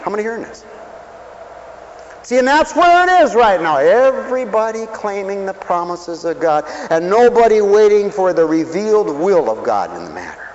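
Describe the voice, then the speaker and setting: A man preaching a sermon, swinging between loud calls and low asides and asking the crowd questions. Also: sing-song, moderate pace, muffled recording, slight background noise.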